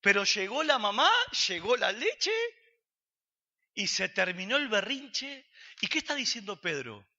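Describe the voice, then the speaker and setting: A man's voice: high-pitched, big pitch swings, measured pace, sharp tone. A man with an Argentine accent preaching a sermon, asking his congregation questions and answering them himself. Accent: Argentine Spanish. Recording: dull recording with long hall reverb.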